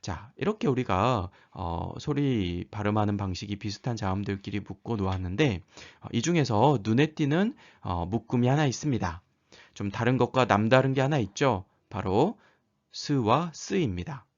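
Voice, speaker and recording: A man teaching a grammar lesson in a patient, explaining way. His pitch moves a lot as he sounds out each example. The recording is a little dull and lo-fi. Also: animated, moderate pace. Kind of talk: grammar lecture.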